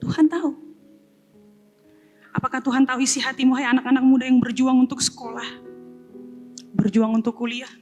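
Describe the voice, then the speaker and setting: High-voiced woman pastor preaching. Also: steady tone, fairly quick, pauses often, darkish tone, highs cut off, faint music behind. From Eastern Indonesia. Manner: impassioned, rising to high emphatic calls. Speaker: assistant pastor. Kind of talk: sermon. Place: church.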